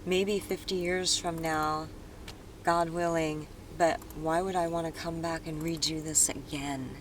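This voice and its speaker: A woman's voice: low voice, steady tone, a little slow. Earnest, rambling woman over street noise. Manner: earnest, rambling, with many restarts. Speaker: dance vlogger. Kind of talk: unscripted vlog monologue. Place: indoor room with an open window. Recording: loud street noise in the background.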